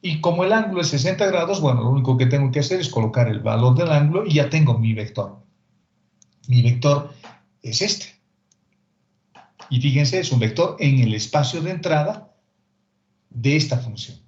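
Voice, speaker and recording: A man's voice: a little high, expressive, normal speed, pauses often, a little mellow. Man lecturing in an echoey room. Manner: explains step by step, addresses students directly. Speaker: math teacher. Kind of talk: recorded calculus lecture. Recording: echoey room, dull lo-fi sound.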